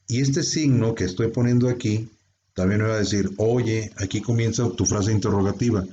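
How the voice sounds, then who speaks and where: In this dull, lo-fi clip, an English teacher leads a grammar lesson in class. His voice is deep and dark, and he explains each point in sequence, asking rhetorical questions along the way.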